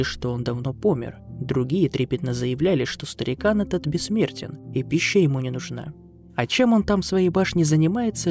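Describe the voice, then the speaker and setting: A man's voice: medium pitch, mellow. A man reading a scripted horror story as its narrator. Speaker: narrator of bedtime horror stories. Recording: music behind the voice. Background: instrumental music.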